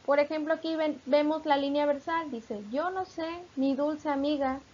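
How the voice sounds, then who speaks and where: A woman from Mexico, a teacher narrating a recorded lesson, explaining patiently and reading examples slowly. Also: high-pitched, steady tone, darkish tone, highs cut off.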